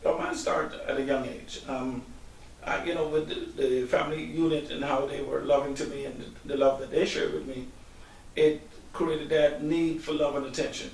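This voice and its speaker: A middle-aged man from Guyana answers an interviewer, pausing often and restarting his sentences. His voice sits somewhat high and has a gravelly edge. It was recorded from a distance in an echoey room with a faint hiss behind it. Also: fairly even intonation. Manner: hesitant, many ums and restarts. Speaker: guest.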